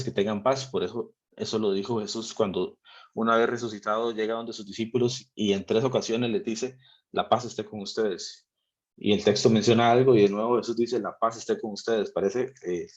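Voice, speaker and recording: A man's voice: on the low side, lo-fi sound. A man from Rica, reading scripture aloud and patiently explaining it in a Bible study talk. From Costa Rica. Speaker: theology group speaker.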